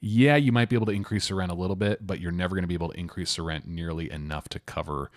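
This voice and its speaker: A man in his thirties co-hosts a casual advice podcast, talking loosely with plenty of asides. His voice sits very low, recorded close and dry with no room sound. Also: very fast, no room sound. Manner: loose and conversational, full of "like" and asides. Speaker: podcast co-host, property manager.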